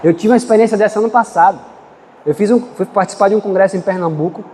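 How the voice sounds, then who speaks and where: A man preaches a fiery sermon in a very high voice, swinging between rushed and drawn-out phrases. His voice carries a long reverb, as if filling a big church hall. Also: a little mellow, a little hiss or hum. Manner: impassioned, dramatic swings in pitch and pace.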